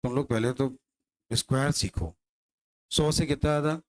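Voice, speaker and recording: A man's voice: mid-range voice, moderate pace. A male maths teacher lecturing a class, teasing his students and firing rhetorical questions at them.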